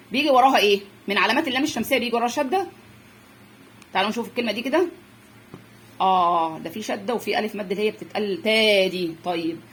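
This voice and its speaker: Brisk Egyptian woman teaching reading. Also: mid-range voice, fairly bright tone, slight background noise. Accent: Egyptian Arabic. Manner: drilling sounds slowly, repeating words. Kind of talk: phonics lesson for parents.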